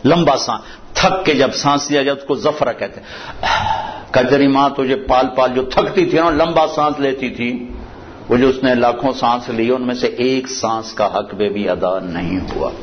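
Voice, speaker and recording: A man's voice: medium pitch, highs cut off. A middle-aged man giving a sermon, reciting verses and telling stories from his village youth to explain their words. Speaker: preacher. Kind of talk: Urdu sermon with Quranic recitation.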